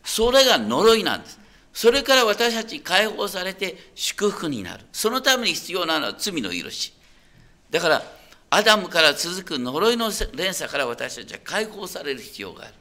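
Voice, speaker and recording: A man's voice: sits high, very animated, normal speed, bright, forceful tone. A man preaching a sermon as a pastor. He talks in a conversational way, puts questions to the listeners and often checks that they are following.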